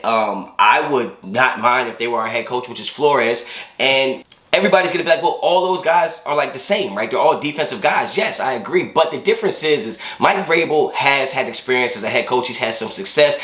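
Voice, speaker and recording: Male sports vlog host, mid-pitched, audibly under the weather and wheezy, conversational and slangy, echoey room sound. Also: fairly bright tone. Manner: slangy, conversational, repeats phrases for emphasis. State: sick with congested, wheezy voice. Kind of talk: casual opinion commentary to camera. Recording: roomy echo.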